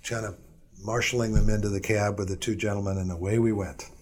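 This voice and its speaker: Rambling low-voiced man telling stories. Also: fairly even intonation, a little fast, a little mellow, a little hiss or hum. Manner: rambling, hesitant, many fillers and restarts. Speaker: interview guest. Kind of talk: casual storytelling interview.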